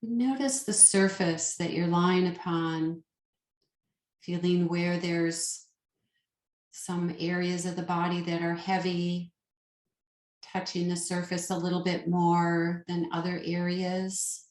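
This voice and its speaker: A yoga nidra teacher guides a meditation in a roomy, echoing space, her slightly low, a little mellow voice moving very slowly with a flat delivery. She is soothing and unhurried, pausing between short phrases.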